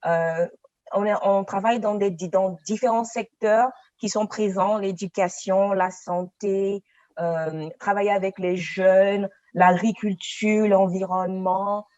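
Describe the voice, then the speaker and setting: A woman gives a panel answer at a middling pitch, sometimes searching for words. The sound is dry and slightly muffled, like a lo-fi call. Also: fairly even intonation, takes it slowly, a little mellow, no echo. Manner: French mixed with an odd English word, searching for words.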